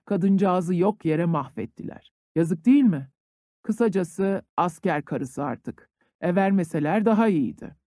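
A man's voice: high-pitched, expressive, unhurried, no room sound, clean studio sound. A man voicing a desperate young peasant conscript. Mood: sorrowful. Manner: grief-stricken, turning to furious shouting.

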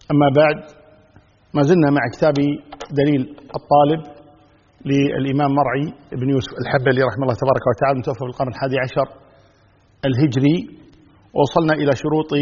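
A male scholar teaching a religious text in a measured lesson style, repeating key phrases and reciting formulas. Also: medium pitch, a little mellow, husky. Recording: dull lo-fi audio with long reverb.

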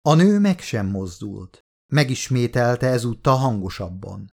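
A man reading a horror novel aloud as an audiobook narrator, steady and measured. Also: medium pitch, creaky.

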